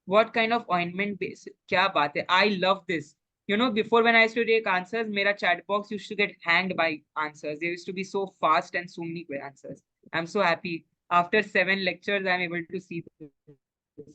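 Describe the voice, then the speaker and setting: A woman's voice: on the low side, steady tone, fairly quick, pushed and bright, no echo, poor audio. A woman with an Indian accent teaching an interactive online class, quizzing and praising students and switching between English and Hindi.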